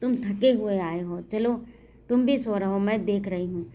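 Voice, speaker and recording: A woman's voice: mid-range voice, a little slow, warm tone, close to an everyday voice. A woman reading the part of a worried, caring young woman.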